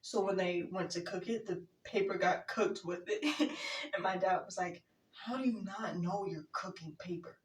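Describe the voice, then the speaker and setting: A woman's voice: on the low side, normal speed. A woman telling a funny story as a vlogger, giggling often and rambling with lots of fillers. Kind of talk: casual storytime. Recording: roomy echo, mic at a distance.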